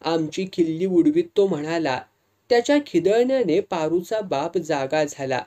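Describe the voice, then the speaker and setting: A narrator reading a serialized novel aloud in measured, first-person storytelling. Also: male voice, fairly high pitch, expressive, darkish tone. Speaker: audiobook narrator.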